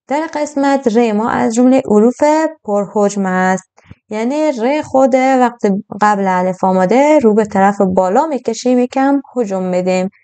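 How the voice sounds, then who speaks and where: Mellow-voiced woman teaching Quran recitation. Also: on the high side, smooth. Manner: patient explaining, slowly drawn-out recited verses. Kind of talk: step-by-step recitation lesson.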